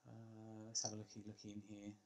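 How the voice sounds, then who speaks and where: A man's voice: fairly low pitch, completely flat delivery, a little fast, a little mellow, a little hiss or hum, rough recording. A young man streaming a video game as a hunter, chatting casually and muttering wryly to himself as he plays. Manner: wry, muttering to himself while playing. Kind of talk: casual gaming chat.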